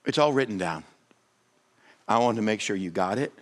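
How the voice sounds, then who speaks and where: A male pastor telling a comic story in a sermon, animated and rising in pitch as he gets excited. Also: moderate pace. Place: church or conference hall.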